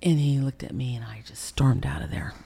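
Gravelly-voiced woman telling a raw story. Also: very deep voice, lively intonation, a little fast. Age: middle-aged. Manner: emotional, profane, re-enacts quotes with sudden loud bursts. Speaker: interview guest. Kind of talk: candid storytelling interview.

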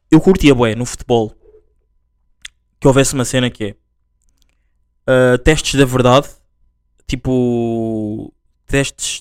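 A man's voice: mid-range voice, smooth, dry recording, clean studio sound. A young man with a European Portuguese accent hosting a casual solo podcast, rambling along with lots of filler words and restarts. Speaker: podcast host.

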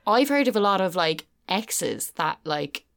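A woman's voice: medium pitch, big pitch swings, unhurried, gravelly, a bit bright. A young woman with a Cork accent co-hosting a podcast, chatting casually in a blunt, teasing way and swearing freely. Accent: Irish, Cork. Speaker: podcast co-host. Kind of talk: casual chat.

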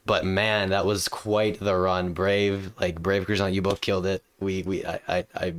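A young man with a deep voice and a cold, hosting a casual gaming podcast that is streamed live. He rambles, with many fillers and restarts. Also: little pitch movement, moderate pace. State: sick with a cold. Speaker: podcast host.

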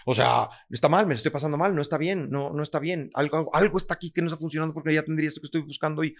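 A man's voice: on the high side, very fast. A man with a Mexican accent, a podcast guest who speaks bluntly, swears freely and acts out other people's lines. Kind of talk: candid podcast conversation.

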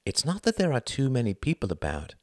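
A man reading an audiobook and voicing a reserved young Englishman in a calm, understated way. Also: medium pitch, fairly quick, no echo, clean studio sound, voice pushed up. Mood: wry.

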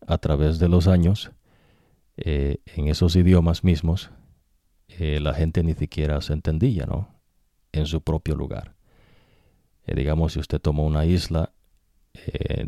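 A man's voice: a bass voice, vocal fry, warm tone, no room sound, clean studio sound. A man teaching the Bible in a sermon style, conversational and full of rhetorical tag questions, dropping English "so" into his talk.

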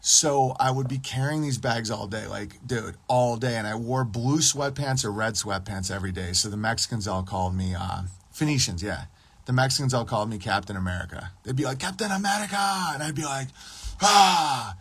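A man's voice: lowish voice, brisk, husky. A man streaming a casual, rambling monologue, often profane and losing his train of thought. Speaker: podcast streamer.

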